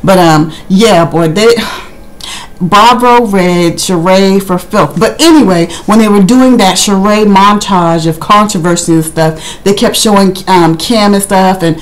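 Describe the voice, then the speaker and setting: A woman's voice: medium pitch, measured pace, rough recording. A woman giving a casual, rambling review in a conversational way, slipping into acted-out quotes as she chats to her viewers. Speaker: reality TV recap vlogger. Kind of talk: casual chatty review commentary.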